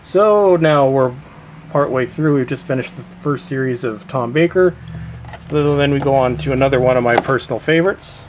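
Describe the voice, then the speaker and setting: A man giving a casual walkthrough of his collection, chatty, drawing out each title slowly. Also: medium pitch, noisy background. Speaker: collector showing his shelf.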